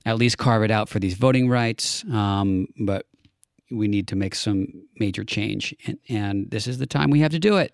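Male podcast host, low and smooth voice, earnest, unscripted, dry close mic. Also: normal speed, no room sound. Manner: earnest, with thinking fillers. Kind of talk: casual political chat.

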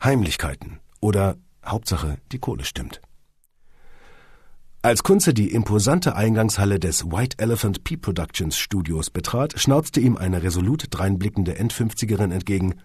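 A low-pitched man reads an audiobook in a lively, animated way with wry storytelling. His voice is husky and the sound is dry and close. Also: normal speed, no echo. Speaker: audiobook narrator. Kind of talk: audiobook reading.

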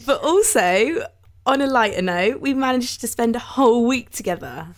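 In a casual podcast chat about feelings and growing up, a twenty-something female co-host talks at a normal speed in a slightly high, very animated voice. Fillers and laughter come up often.

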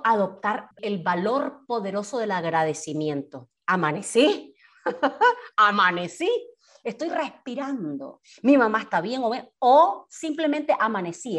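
A woman, a guest in an interview, talking earnestly and animatedly about her own experience. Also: mid-range voice. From Nicaragua. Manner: earnest, animated storytelling with self-talk asides. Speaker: guest, communicator and singer-songwriter. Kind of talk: candid personal interview.

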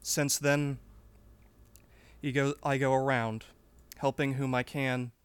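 Man playing a slow-spoken, resolute wandering warrior. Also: medium pitch, little pitch movement, clean tone, dry recording, close to an everyday voice. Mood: solemn. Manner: measured, formal, earnest. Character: humble but resolute wandering male warrior.

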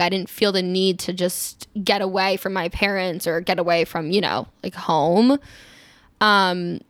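A woman's voice: lowish voice, a bit bright, no room sound. A woman in her twenties from Maryland, rambling through her life story in a casual chat, full of fillers and restarts. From Maryland, USA. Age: 20s. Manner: rambling, many fillers and restarts, laughs easily.

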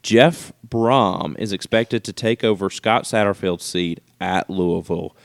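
A man's voice: lowish voice, a little slow, vocal fry, no echo, clean studio sound. A man co-hosting a casual sports podcast, reading news items with fillers and restarts. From West Virginia fan. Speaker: podcast co-host.

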